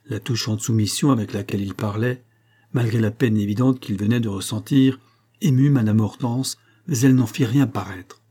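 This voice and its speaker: Man reading a novel aloud, steady pace, mellow and a bit husky. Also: on the low side, normal speed. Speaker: audiobook narrator. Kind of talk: scripted narration.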